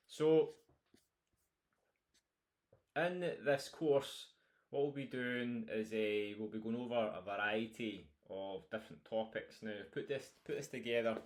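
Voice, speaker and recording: A man with a broad Scottish accent speaks as a coach, informally introducing a course and encouraging listeners directly. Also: mid-range voice. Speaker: health and nutrition coach presenting a course. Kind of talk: informal course introduction, talking through topics.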